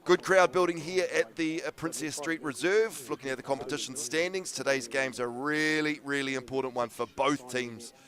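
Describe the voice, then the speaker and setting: Male rugby co-commentator, New Zealand accent, medium pitch, conversational live broadcast style. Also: moderate pace, few pauses, a crowd in the background.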